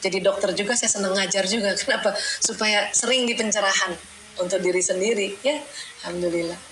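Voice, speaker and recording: A woman speaks in a bright, forceful voice in a roomy, echoey space. She gives a conversational religious talk and explains each point step by step. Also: medium pitch, steady tone, a little fast, a little hiss or hum. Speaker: doctor and teacher giving a talk. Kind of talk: religious talk on managing emotions. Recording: roomy echo.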